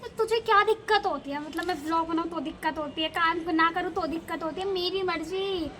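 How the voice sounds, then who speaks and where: A woman's voice: extremely high pitch, fairly quick, fairly bright tone, a little hiss or hum. A woman playing a cheeky young daughter-in-law who vlogs and talks back, in a comedy skit. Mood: sassy. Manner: sassy, talking back.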